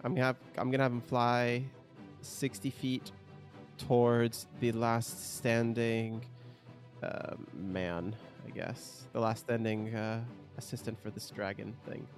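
A man playing a tabletop game, excitable and quick to exclaim and laugh. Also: medium pitch, soft background music. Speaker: player.

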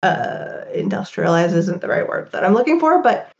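A woman who writes about games, talking quickly and animatedly as a podcast guest, with fillers. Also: medium pitch, sing-song, creaky, muffled recording. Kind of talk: casual interview chat.

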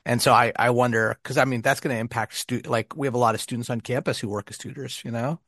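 A man's voice: medium pitch, steady tone, quick pace, a bit bright, dry recording, clean studio sound. A middle-aged man co-hosting a podcast, chatting casually and rambling with plenty of fillers and restarts. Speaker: podcast co-host. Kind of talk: casual chat.

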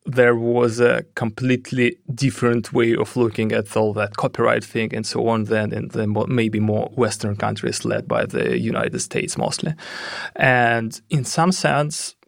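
Middle-aged guy from russia, gravelly voice, thinks out loud w lots of fillers, dry close sound. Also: medium pitch, measured pace, no room sound. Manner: thoughtful, hesitant with many fillers. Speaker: guest, head of security. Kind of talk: podcast interview.

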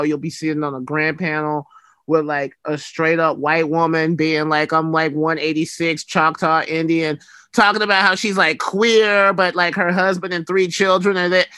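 Bright, androgynous-sounding man chatting candidly. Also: high-pitched, no echo. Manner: animated, emphatic, blunt, slangy; androgynous voice, often taken for a woman's. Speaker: guest, writer. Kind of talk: casual, candid interview chat.

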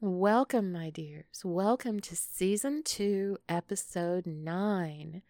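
Slow-talking, flirty woman podcaster. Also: fairly low pitch, mellow, no echo, clean studio sound. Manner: flirtatious, playful, addresses listeners with pet names. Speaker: podcast host. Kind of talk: casual, intimate solo podcast chat.

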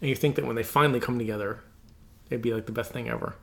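A man with a gravelly voice chats in a relaxed way on a podcast. He often hesitates and gropes for the right words. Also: mid-range voice, racing. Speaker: podcast co-host. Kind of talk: casual chat about music.

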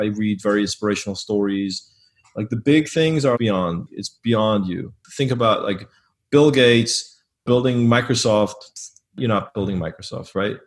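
Interviewed as a business owner, a man with a fairly low voice talks casually but loudly and emphatically, frequently repeating words.

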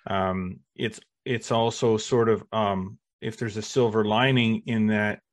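A man co-hosting a podcast, speaking in a supportive, thoughtful, halting way. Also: lowish voice, steady tone, no room sound, clean studio sound. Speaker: podcast co-host. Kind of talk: casual podcast chat.

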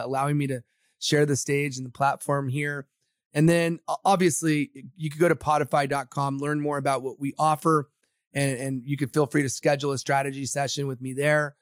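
A man's voice: fairly high pitch, no room sound, clean studio sound. A man from Samoa, a podcast guest and agency founder, speaking confidently and motivationally in a casual interview.

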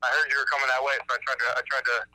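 A man's voice: medium pitch, little pitch movement, racing, bright, forceful tone, no echo, poor audio. A man calling in on speakerphone, chatting casually and teasing in an easygoing way. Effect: heard over a phone on speakerphone. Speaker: caller. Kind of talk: casual chat.

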